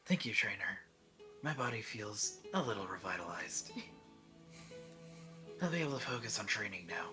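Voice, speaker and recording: A woman voicing a quiet, wistful, mysterious young girl in a video game, soft-spoken and measured. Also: very deep voice, expressive, over music. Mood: calm, wistful.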